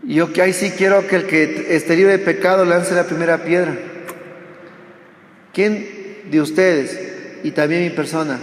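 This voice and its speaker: A man preaching a sermon to a live audience, fervent and direct, swinging between loud exhortation and hushed tones. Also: on the high side, fairly even intonation, a little slow, long pauses. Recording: echoey hall with long reverb.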